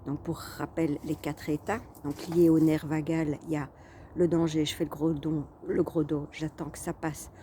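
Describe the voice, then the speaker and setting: A woman's voice: sits low, flat delivery, normal speed, dark tone, slight background noise. A woman coach talking casually to her viewers, chatty and hesitant, with frequent fillers and restarts. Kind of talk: casual talking-head vlog.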